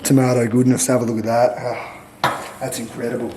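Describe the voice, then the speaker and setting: A man's voice: medium pitch, little pitch movement, brisk, noisy background. An Australian man running a mock cooking show in his home kitchen, cocky and lecturing the viewer, with lots of swearing. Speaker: home cook vlogger. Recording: echoey kitchen.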